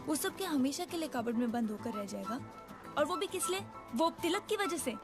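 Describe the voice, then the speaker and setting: A woman dubbing a film role as a spirited, impulsive young woman who speaks forcefully. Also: sits high, animated, brisk. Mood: coaxing. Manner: forceful, pushy, rising to outbursts. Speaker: daughter who runs a cafe. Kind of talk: Hindi film dub. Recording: film soundtrack with music behind. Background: film score.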